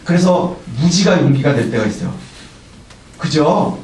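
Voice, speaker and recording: A middle-aged male pastor giving a lively, conversational sermon. He acts out quoted voices and fires rhetorical questions at the congregation. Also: fairly high pitch, normal speed. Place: church sanctuary. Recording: echoey hall, mic far off, faint noise.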